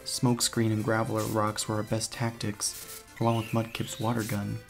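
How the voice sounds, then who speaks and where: In a game playthrough set to background music, a narrator and let's player reads scripted first-person lines as the hero. He speaks on the low side in a monotone, at normal speed, with vocal fry.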